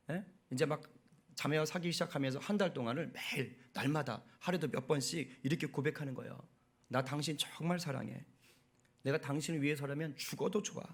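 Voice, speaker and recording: A man delivering a sermon from the pulpit with a slightly raised, clear voice. He keeps turning to the congregation with questions and answers them himself. His delivery grows loud and insistent as he drives each point home. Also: fairly high pitch. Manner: builds to loud, emphatic preaching. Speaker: pastor.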